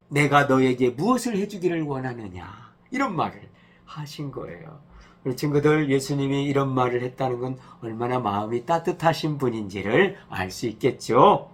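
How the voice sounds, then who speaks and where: A male pastor gently telling a story to children, acting out the cries. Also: medium pitch, breathy edge. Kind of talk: children's sermon.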